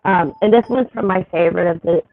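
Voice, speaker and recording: Woman stream host, casual and chatty, on a headset mic that makes her muffled and phone-thin with no bass. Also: fast talker. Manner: loose and chatty, reading a card aloud for viewers. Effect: muffled sound with the bass missing. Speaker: astrology livestream host. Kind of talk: casual livestream chat, tarot card pull. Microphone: headphones with built-in mic.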